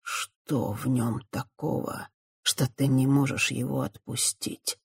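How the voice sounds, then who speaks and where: An audiobook reader voicing a remorseful, torn male priest who speaks low, muted and sorrowful. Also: a little slow, creaky, darkish tone, breathy edge, no room sound, clean studio sound. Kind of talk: audiobook character voice.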